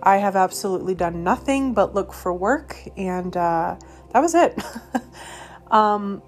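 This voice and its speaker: A Colorado woman hosting a ministry program shares her personal testimony, earnest and halting, with many pauses and fillers. Her medium-pitched voice is expressive.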